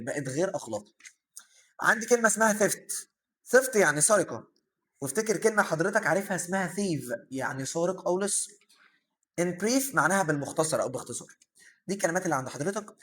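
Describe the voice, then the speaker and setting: A young man with an Egyptian Arabic accent teaching an English vocabulary lesson. He explains each term, asks himself questions and answers them, filling pauses with "aah". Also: sits high, a bit bright. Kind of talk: vocabulary lesson for secondary students.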